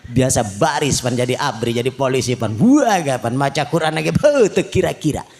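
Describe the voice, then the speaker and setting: A man with a Sundanese accent preaching a comic sermon, acting out characters with shouted lines and quiet asides. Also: medium pitch, lively intonation, normal speed. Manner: switches between Sundanese and Indonesian.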